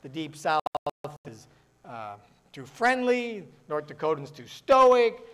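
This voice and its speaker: A man from the northern United States preaching a sermon as pastor, talking fast and mixing in joking asides. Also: a little high, very animated, fairly bright tone, clear, resonant tone.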